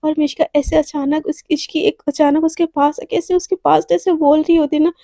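A woman's voice: high-pitched, level tone, normal speed, mellow, dry recording, studio quality. A young woman narrating a romance story in a breathless, rambling, dramatic way.

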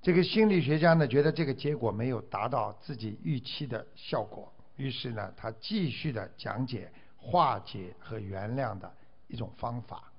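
A man's voice: mid-range voice, lively intonation, normal speed, husky. A man giving a Buddhist dharma talk, exhorting his listeners and stretching out drawn 'ah' particles between phrases. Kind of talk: sermon. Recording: dull lo-fi recording.

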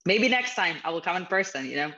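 A woman's voice: fairly low pitch, lively intonation, fast, bright, forceful tone. Ukrainian-accented woman on a muffled video call. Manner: earnest, heartfelt, slightly non-native phrasing. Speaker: guest speaker. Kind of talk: personal talk over video call. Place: small office indoors. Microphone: video call webcam.

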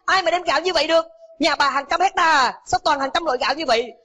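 A man telling a moral story, voicing a scornful older male school cook who shouts and scolds. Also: very high-pitched, fast talker, pitched above the performer's own voice. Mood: angry shouting. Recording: dull lo-fi with background music.

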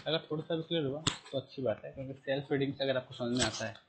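A man teaching a class, asking his students questions and repeating key terms, reading English text slowly. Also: mid-range voice, noisy background. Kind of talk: classroom lesson.

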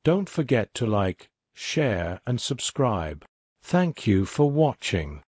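A man reading scripted narration for an online mystery series in an even, measured documentary manner. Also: mid-range voice, husky, no room sound, studio quality.

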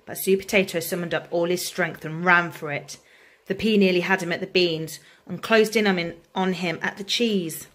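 A woman, a primary school teacher, reading a picture book aloud to children in an expressive, engaging way. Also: on the low side, normal speed.

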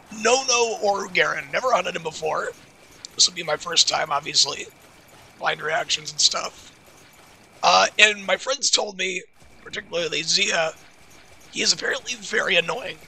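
A man with a hoarse, raspy voice chatting casually and self-deprecatingly as he comments on his own gameplay. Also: high voice, normal speed, pushed and bright, a little hiss or hum. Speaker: gaming video creator.

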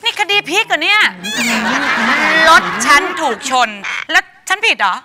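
An actress playing a loud, indignant female neighbor who scolds and accuses in a sitcom. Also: very high voice, big pitch swings, moderate pace, heavy background noise. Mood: baffled. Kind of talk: sitcom acting.

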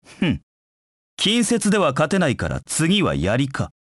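A proud young male hedgehog warrior from a video game, cold and disdainful. He speaks slowly and curtly in battle lines, as an arrogant rival knight would. The sound is close and dry. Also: a little high, huge pitch swings, a bit bright, no room sound, heavily acted. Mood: scornful.

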